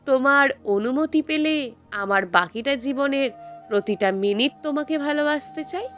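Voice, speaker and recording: Brief: earnest, tender young college guy in an audio story, read by a woman, high and lively delivery, soft music bed. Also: moderate pace. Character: earnest, gentle young male college student. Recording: faint music underneath.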